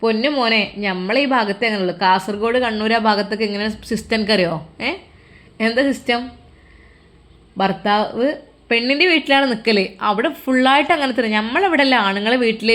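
A loving older mother, full of worry, coaxes her grown son in a Malappuram Malayalam accent, voiced by a woman narrator. She pleads with him softly and tenderly in this spoken story. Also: a little high, natural voice. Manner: coaxing and tender, calls him "my dear son".

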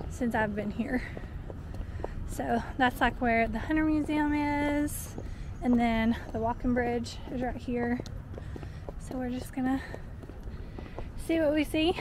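A chatty, upbeat young woman with a fairly high voice talks to a camera held at arm's length as she walks. She is outdoors in a city, and there is clear street noise behind her. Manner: chatty, upbeat, talking to camera while walking. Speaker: vlogger. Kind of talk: casual vlog chat. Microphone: handheld camera at arm's length.

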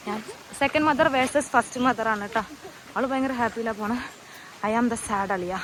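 A woman's voice: a little high, slight background noise, rough recording. A young woman who is a mother chats emotionally to her viewers in a casual vlog, talking straight to them. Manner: emotional, chatty, addresses viewers directly. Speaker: vlogger and mother.

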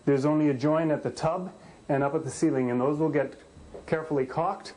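A young tradesman with a slightly raised pitch, friendly and plain-spoken. He explains each step while he works in a small bathroom under renovation. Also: steady tone, a little fast, darkish tone, a little hiss or hum, rough recording. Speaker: bathtub installer. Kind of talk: casual on-site chat.

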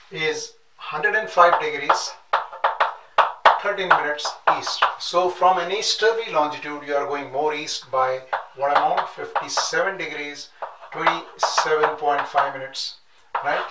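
Standing at a classroom chalkboard, a middle-aged man teaching nautical science methodically writes out calculations, slowly repeating the numbers. His voice runs on the high side. He's recorded from a distance by a room mic, frequently with his back turned, so the sound is echoey and off-mic with clear noise.

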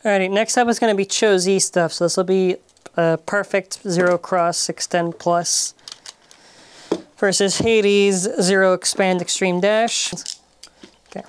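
With a medium-pitched, steady voice at a measured pace, a woman hosts a toy-testing video and comments offhandedly. She keeps restarting, repeating words, and using lots of fillers. Heavy noise and clicks run behind her.

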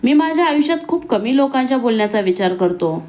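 A woman's voice: a little high, animated, fast talker, darkish tone, natural voice. A woman voicing a stern young man who speaks in a curt, clipped and irritable way.

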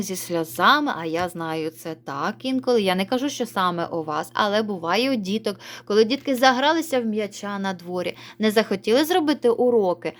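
A woman teaching young children a reading lesson, coaxing and sing-song, calling them pet names. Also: mid-range voice. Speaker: primary school teacher.

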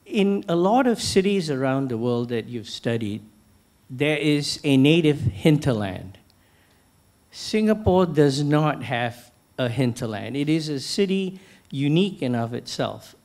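A man's voice: mid-range voice, darkish tone. Malaysian-born man moderating a panel. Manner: measured, anecdotal, frequent restarts. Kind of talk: panel discussion, posing questions. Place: large lecture hall on stage. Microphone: handheld microphone.

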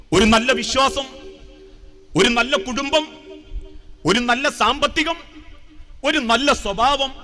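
A Malayali-accented male preacher with a strikingly high, bright voice delivers an impassioned sermon. He swings between soaring emphasis and hushed, tearful lows. His voice rings with a long reverb, as in a large hall. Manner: impassioned, dramatic swells and hushed drops. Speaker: Islamic preacher. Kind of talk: emotional sermon storytelling.

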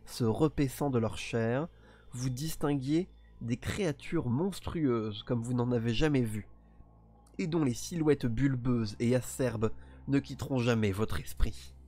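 A man streaming a solo tabletop game, reading dark narration aloud and breaking off for playful, mock-defensive asides. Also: mid-range voice.

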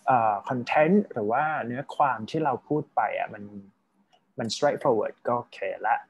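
Male tutor, mid pitch, gentle and encouraging feedback over a video call, peppered with English terms. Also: a little slow, slightly rough, muffled recording. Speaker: IELTS speaking tutor. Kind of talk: casual online tutoring feedback.

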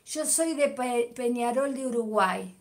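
A middle-aged Argentine woman hosts a live chat, her voice pitched a little high. She reads out viewers' comments and greets them by name, bantering and warming up whenever football comes up. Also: a little slow. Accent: Argentine Spanish. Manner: chatty, answering viewers by name, animated about football. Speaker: livestream host.

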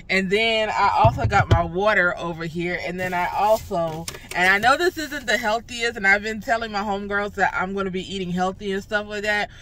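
A woman's voice: medium pitch, bright, forceful tone. A young woman ranting casually in a vlog from her car, her speech slurred from a numb, swollen mouth after dental work, laughing at herself and swearing freely. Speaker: vlogger.

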